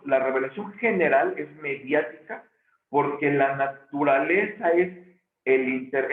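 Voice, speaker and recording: Man lecturing in an echoey room. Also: a little high. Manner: thinking aloud with frequent restarts and self-corrections. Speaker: theology teacher. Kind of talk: recorded video lecture. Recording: echoey room, tinny phone-like sound.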